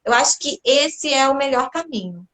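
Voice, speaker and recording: High-voiced woman speaking emphatically. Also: expressive, moderate pace, fairly bright tone. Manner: emphatic, answering her own rhetorical questions. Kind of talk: casual parenting chat.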